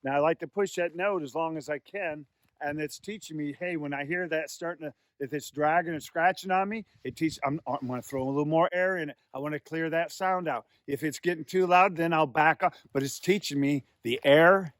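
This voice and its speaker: Higher-pitched man teaching, dry close sound. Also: fairly quick, fairly bright tone, dry recording. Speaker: goose calling instructor. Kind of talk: hands-on beginner tutorial, explaining and demonstrating.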